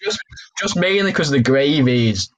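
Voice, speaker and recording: A man's voice: mid-range voice, animated, moderate pace, a crowd in the background, poor audio. A young man, co-hosting a podcast in casual banter with friends, swearing and laughing as he rambles. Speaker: podcast co-host.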